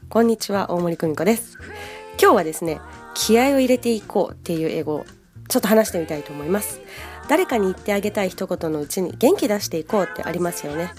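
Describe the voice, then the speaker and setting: A woman's voice: lowish voice, expressive, quick pace, darkish tone, faint music behind. A woman hosting a casual language-learning podcast, talking in a chatty, upbeat way and laughing easily. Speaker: podcast host and English teacher.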